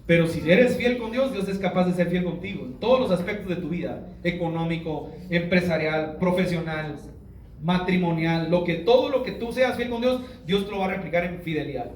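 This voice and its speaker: High-voiced preacher man in an echoey hall. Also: moderate pace, darkish tone. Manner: emphatic preaching with rhetorical questions. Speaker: pastor. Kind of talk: sermon and prayer. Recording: echoey room, from far off.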